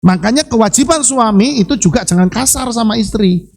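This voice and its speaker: Male pastor, Javanese accent, lively sermon delivery, rhetorical questions to the congregation, pitch swooping high and low. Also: brisk. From Central Java, Indonesia.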